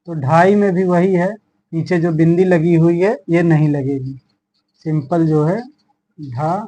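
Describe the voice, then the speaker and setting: A man with a Hindi accent from Uttar Pradesh teaches an exam-prep grammar lesson. His voice sits fairly high and he speaks very slowly, going through each word with a steady, patient rhythm. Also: poor audio. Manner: slow, explaining words one by one with repeated "theek hai".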